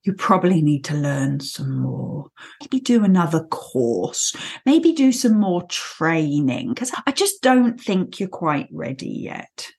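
A woman's voice: fairly low pitch, very animated, slightly rough, pitched below the performer's own voice, heavily acted. Kanga, a woman doing a protective mother kangaroo. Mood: cautious. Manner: soft, slow, gently cautioning.

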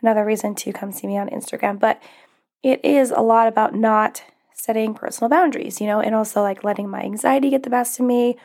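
Speaking fast in a slightly high, steady, darkish voice, a young woman hosts her own casual podcast as a life coach. She's upbeat and encouraging, dotting her talk with little laughs and fillers. Because her voice is recovering from being lost, it sounds a bit strained and may crack.

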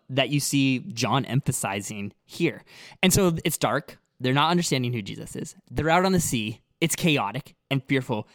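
A man's voice: medium pitch, dry recording. Guy walking through a bible passage, earnest, kinda repeats himself, dry sound. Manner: explanatory, earnest, repeats words while thinking. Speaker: Bible study podcast co-host. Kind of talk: casual teaching discussion.

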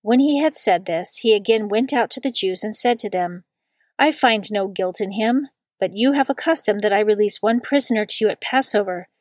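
Female scripture reader, mid pitch, measured and deliberate, dry booth sound. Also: no echo. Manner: slow and deliberate on quoted words. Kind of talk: measured liturgical reading.

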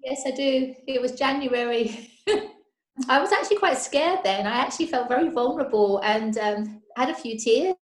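A woman's voice: high-pitched, expressive, moderate pace. A woman, a nurse being interviewed, telling a personal account in conversational detail. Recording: roomy, echoey call audio.

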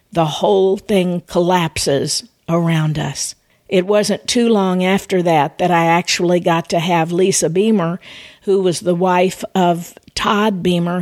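A woman's voice: on the low side, darkish tone, no echo, clean studio sound. A middle-aged woman giving an earnest evangelistic testimony and appeal in a preaching cadence.

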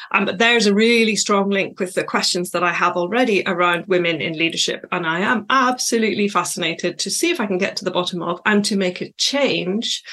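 A woman's voice: mid-range voice, a bit bright. A woman, hosting her own podcast as a coach, talking in a chatty, reflective way that wanders off on tangents, with fillers and laughs. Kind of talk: solo podcast monologue.

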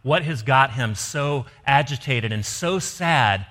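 Guy preaching a sermon, lots of rhetorical questions, goes soft for emphasis, echoey church hall. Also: medium pitch, animated, slow. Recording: long hall reverb.

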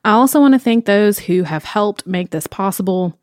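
A podcast co-host in her late twenties from Knoxville, Tennessee chats in an upbeat, casual way, often saying "um." Her mid-range voice is animated and darkish at a normal speed, recorded with studio quality and no echo.

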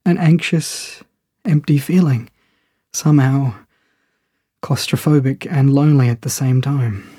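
Guy reading his story out loud, first person, dry and chatty, middle pitch. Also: a little slow, long pauses, slightly rough, no echo. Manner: wry, conversational storytelling. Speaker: narrator. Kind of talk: first-person audiobook narration.

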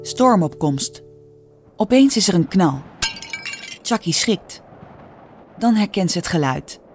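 Woman, Dutch accent, lowish voice, calm clear storybook narration. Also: takes it slowly, soft background music.

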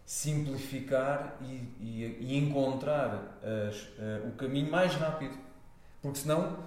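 A man's voice: medium pitch, darkish tone. A man with a European Portuguese accent explaining casually in conversation, often checking that he is understood. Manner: explanatory, seeks agreement with tag questions. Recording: very echoey room.

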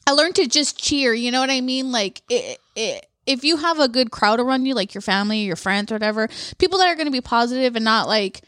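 A woman co-hosting a podcast, telling lively stories in casual chat and swearing freely. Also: a little high, fairly quick, hardly any pauses, no echo, clean studio sound. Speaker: podcast co-host.

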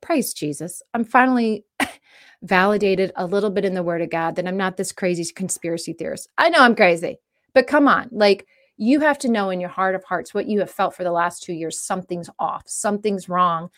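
A woman's voice: medium pitch, moderate pace. A woman speaks to her audience with urgent, heartfelt conviction, like a sermon delivered straight to camera. She repeats herself and restarts sentences as her passion runs ahead of her words. Her voice sits in an ordinary middle register. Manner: earnest, urgent, preachy, with many restarts. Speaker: comedian giving a faith message. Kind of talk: impassioned direct-to-camera talk.

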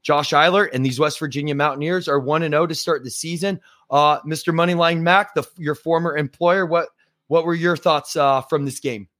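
A hoarse man hosting a sports podcast, chatty and joking with lots of fillers. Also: fairly high pitch, steady tone, normal speed, a bit bright, dry recording, studio quality. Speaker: podcast host. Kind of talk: casual sports talk.

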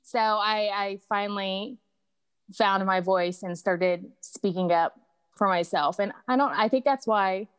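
A woman speaking candidly as a guest in casual conversation, halting at times and often saying "like". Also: mid-range voice, clear, resonant tone, no echo. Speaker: guest sharing personal experiences.

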